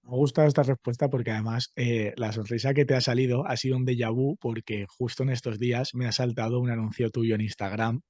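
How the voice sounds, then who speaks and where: A man's voice: medium pitch, fairly even intonation, brisk, hardly any pauses, darkish tone, no room sound. A man hosting a podcast interview, asking long, reflective questions that frame his view before he asks. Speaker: podcast host.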